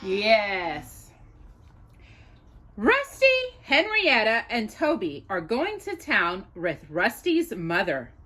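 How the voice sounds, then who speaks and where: In a medium-pitched voice, a woman acting as storytime host reads a children's picture book aloud, deliberate and expressive for a young listener.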